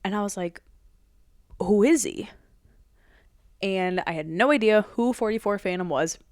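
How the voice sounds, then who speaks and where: A woman's voice: medium pitch, unhurried, no room sound, studio quality. A young woman hosting her own show, casually retelling a concert weekend, swearing constantly and acting out what people said. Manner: profane, animated retelling with quoted dialogue. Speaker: podcast host. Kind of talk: casual storytelling.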